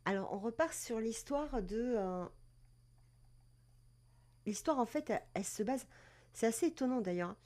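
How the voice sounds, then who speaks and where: A woman's voice: on the high side, expressive, normal speed, pauses often, darkish tone. A woman hosting a casual live stream, chatty, with many fillers and self-corrections, greeting viewers as she talks. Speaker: live streamer presenting cat breed history.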